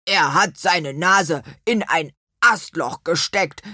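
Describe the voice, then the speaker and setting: A woman's voice: lowish voice, slow, pushed and bright, no echo, studio quality, heavily acted. A woman voicing a sensible little male apple-man explaining things in a storybook. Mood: matter-of-fact. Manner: matter-of-fact explaining.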